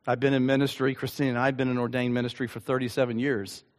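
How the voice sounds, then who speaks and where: In a church sanctuary with the long reverb of a church hall, an older pastor preaches an earnest, conversational sermon and reads scripture with emphasis. His mid-range voice keeps a level tone at a quick pace.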